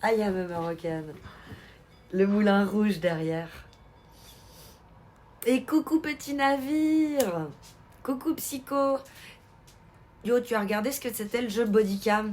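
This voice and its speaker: A woman's voice: fairly high pitch, slight background noise. A woman streamer chatting casually on a live stream, answering her chat and laughing often.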